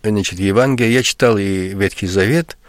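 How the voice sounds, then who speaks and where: A man's voice: on the low side, brisk, no room sound, clean studio sound. An older writer, a guest on a radio interview, recalling his past with many fillers and restarts.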